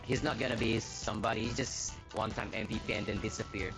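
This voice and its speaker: A man's voice: lowish voice, fairly even intonation, fast talker, rough recording. Indonesian-accented gamer man over music. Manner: playful, confident, short phrases. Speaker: pro mobile-game player. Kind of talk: recorded team interview.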